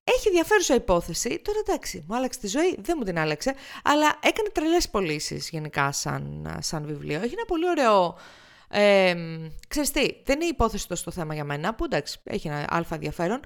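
A woman's voice: fairly low pitch, gravelly. A woman co-hosting a tech podcast, chatting casually and animatedly about films and books. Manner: chatty, animated, quick shifts in tone. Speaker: podcast co-host. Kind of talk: casual chat.

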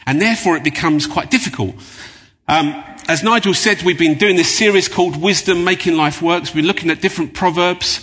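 Man, preacher, chatty storyteller, bright voice, long hall reverb. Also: fairly high pitch, a little fast, slightly rough. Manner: chatty storyteller, many fillers. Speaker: guest preacher. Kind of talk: sermon with anecdotes. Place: church.

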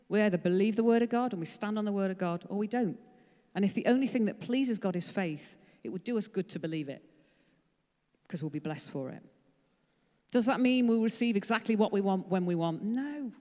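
A woman giving an earnest, conversational sermon full of stories. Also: mid-range voice. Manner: earnest, conversational, dropping to soft emphasis. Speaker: preacher. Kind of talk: sermon with storytelling. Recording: long hall reverb.

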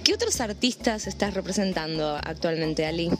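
A woman's voice: on the low side, moderate pace, music in the background. Chatty woman hosting radio. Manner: relaxed, chatty with fillers. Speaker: radio show host. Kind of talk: casual radio interview. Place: vegan café.

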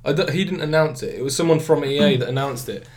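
A young man with a British accent hosts a laid-back gaming podcast, his fairly high, darkish voice moving at a quick pace. He's fighting a head cold, so he sounds a bit nasal and congested. His talk wanders, with restarts and acted-out quotes.

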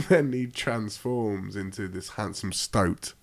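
A man's voice: lowish voice, animated, slow pace, creaky. Playful man spinning silly stories. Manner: playful, laughs often, spins silly stories. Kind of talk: improvised comedy chat.

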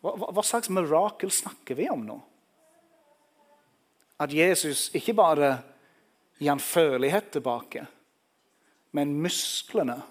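A man's voice: a little high, animated, pauses often. A man preaching a sermon, telling the story vividly and speaking directly to the listeners.

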